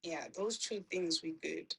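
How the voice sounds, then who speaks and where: A woman's voice: sits low, creaky, husky, rough recording. A woman, a guest on a live chat, answering bluntly with dry jokes. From South Africa. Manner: blunt, joking quick replies. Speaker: guest caller.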